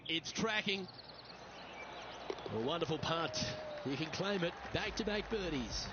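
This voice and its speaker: A man doing play-by-play golf commentary in measured, clipped phrases. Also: on the high side, expressive, dull audio, background noise. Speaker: lead golf commentator in a video game.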